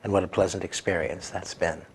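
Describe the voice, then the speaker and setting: A man working as a hypnosis instructor, guiding an induction in a slow, soothing, repetitive hypnotist voice. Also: sits low, steady tone. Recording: clear background noise.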